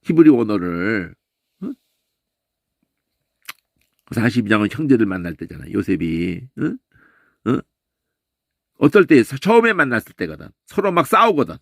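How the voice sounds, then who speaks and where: A man teaching a Bible lesson in an animated way, often tossing in a questioning "eh?" and imitating sounds. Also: mid-range voice, normal speed, gravelly, long pauses, dry recording, studio quality. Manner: animated, keeps asking "eh?" and mimics voices and sounds.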